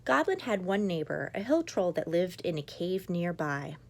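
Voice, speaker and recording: A woman's voice: lowish voice, sing-song, moderate pace, vocal fry, background noise. A woman in her thirties, a mother, reading a children's picture book aloud with playful asides to young listeners. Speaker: children's story reader, mother.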